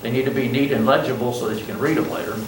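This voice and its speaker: A man's voice: mid-range voice, fairly even intonation, racing, slight background noise. An older man lecturing a college class through a mask, chatty, joking at himself and asking the students questions. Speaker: college instructor. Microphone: masked, speaking in a classroom. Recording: roomy classroom sound from a distance.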